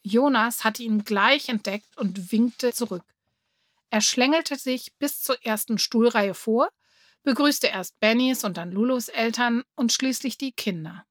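A woman calmly narrating a children's story. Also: fairly high pitch, a little slow, no room sound, clean studio sound. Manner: calm, clear storytelling. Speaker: reader.

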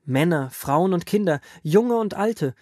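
A man voicing a steady, earnest prophet who answers a king firmly in a children's Bible audio drama. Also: high-pitched, unhurried, no room sound, clean studio sound, voice pushed up. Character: firm steady male prophet leader.

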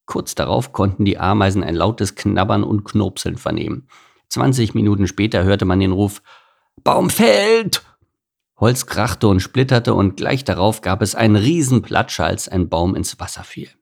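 A man narrating a children's animal story, expressive and playful. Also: fairly low pitch, moderate pace, vocal fry. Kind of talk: storybook reading.

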